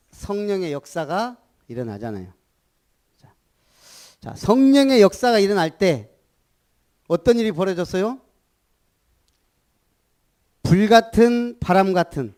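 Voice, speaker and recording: Animated high-voiced preaching man. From Gunsan, Jeolla, South Korea. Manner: animated preaching, calls for repetition, rhetorical questions. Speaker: pastor. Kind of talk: sermon.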